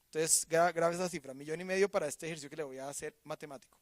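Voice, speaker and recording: A man, preaching a sermon as pastor, animated and acting out quoted voices, swinging from loud to hushed. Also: on the high side, racing, no room sound, studio quality.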